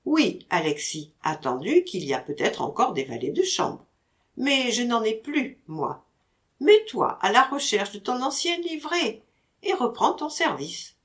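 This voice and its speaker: A woman reading a storybook audiobook, voicing a witty gentleman master who teases his servant in mock-stern banter. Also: a little high, sing-song, unhurried. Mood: teasing.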